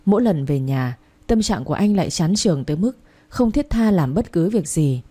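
Low, dark, husky woman narrating a story. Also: lively intonation. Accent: Vietnamese. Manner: soft, unhurried storytelling, voicing every character herself.

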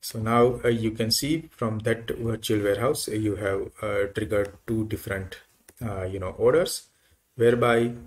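A man giving an unhurried screen-recorded software walkthrough, thinking aloud with frequent fillers. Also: fairly low pitch. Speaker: software tutorial presenter.

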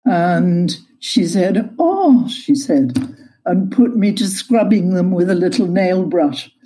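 An older woman from Yorkshire, England, recalling her cooking days as a guest in an interview, in a slow, measured way. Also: on the low side, expressive, warm tone, poor audio. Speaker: guest, cookbook author. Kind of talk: interview over a call.

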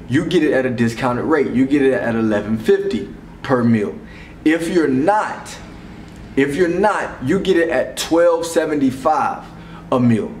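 A man's voice: mid-range voice, darkish tone, recorded from a distance, a little hiss or hum. Young guy chatting to camera bout his business, lots of ums, echoey room a bit off mic. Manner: conversational, repeats words and restarts, many fillers. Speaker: meal prep business owner. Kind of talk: casual explainer to camera. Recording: roomy echo, voice a bit off-mic.

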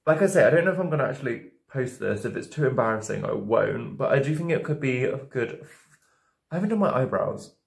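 A man's voice: medium pitch, animated, brisk, vocal fry. A man in his twenties, drunk on wine, chatting casually to camera through a tutorial, rambling, doubting himself and losing his thread. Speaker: makeup video creator. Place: indoor home studio with dark backdrop, roomy. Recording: roomy, echoing indoor sound.

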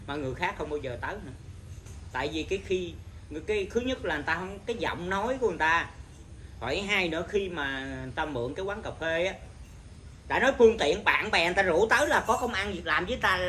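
A Buddhist monk teacher giving an informal dharma talk, blunt and scolding, with a naturally loud voice. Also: male voice, fairly high pitch, animated, quick pace, a little hiss or hum.

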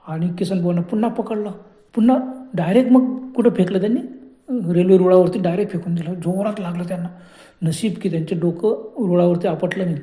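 A man narrating a horror story dramatically, dropping to hushed whispers at tense moments. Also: high voice. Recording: echoey room.

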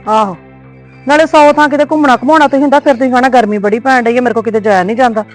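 Young wife played by a woman, quick, placating but firm, faint background music, drama series. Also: fairly high pitch, close to an everyday voice. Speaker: daughter-in-law.

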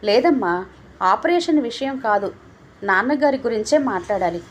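A woman voicing a patient grown son who pleads calmly with his father in a storybook reading. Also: a little high, normal speed, slight background noise, natural voice. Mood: earnest pleading. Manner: earnest, pleading.

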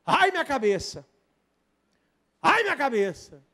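A man doing an eager, shouty young boy. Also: very high-pitched, big pitch swings, measured pace, pitched above the performer's own voice, full character voice. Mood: complaining.

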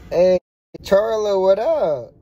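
On a muffled recording, a young boxer from the US chats on a social media livestream, phone close, in a dim room at night. His high, dark voice is expressive and slow, and he's brash, swearing freely and repeating himself.

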